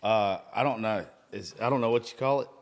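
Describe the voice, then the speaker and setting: Speaking a little fast in a lowish voice, this podcast host in his thirties is hungover and chatting casually, full of profanity as he rambles and gushes. The room around him is reverberant.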